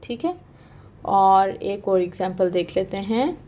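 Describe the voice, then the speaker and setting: Here a woman teaches Quran recitation online in a mid-range, dark voice that is slow yet expressive. She patiently walks through each step, checks in with "okay," and lengthens the sounds she demonstrates.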